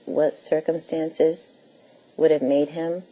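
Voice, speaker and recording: Low, very dark-voiced woman being interviewed. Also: little pitch movement, slow, low-quality recording. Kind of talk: halting interview answer.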